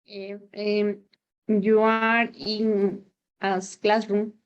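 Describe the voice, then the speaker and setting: A woman's voice: medium pitch, level tone, extremely slow, clear, resonant tone, dull audio. A woman student reading English sentences aloud hesitantly during an online class over a video call.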